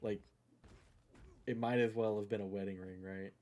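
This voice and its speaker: Warm in tone and fairly even in intonation, this middle-aged streamer speaks at normal speed in a lowish voice. Playing a game live on a headset mic, he tells a meandering, casual story, peppered with "right?" and "you know?"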